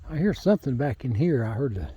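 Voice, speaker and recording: A man's voice: medium pitch, very animated, fast, husky, dull audio. An older man chatting in a rambling, folksy way while walking a rural hillside, then reading scripture aloud, recorded on a handheld phone. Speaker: lay Bible teacher.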